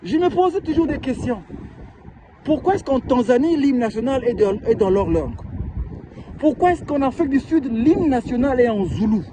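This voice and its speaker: Man, Congolese French accent, very high voice, passionate rhetorical testimony, clear wind noise outdoors. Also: sing-song, normal speed. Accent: Congolese (Brazzaville) French. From Republic of the Congo (Brazzaville). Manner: passionate, rhetorical questions, emphatic repetition. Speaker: author. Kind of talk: reflective personal testimony.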